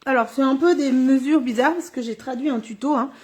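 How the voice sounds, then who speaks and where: A woman's voice: high voice, brisk, a little mellow. A middle-aged woman running a live card-making tutorial, chatty and thinking aloud as she works, filmed indoors on a phone on a stand. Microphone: phone or camera on a stand.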